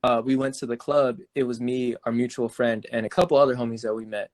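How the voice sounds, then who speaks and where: A young man chatting on a casual podcast. He tells his story loosely, fills it with "like" and restarts his sentences, at an ordinary pitch. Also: quick pace. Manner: animated storyteller, full of "like" and restarts, laughs often. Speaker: podcast co-host.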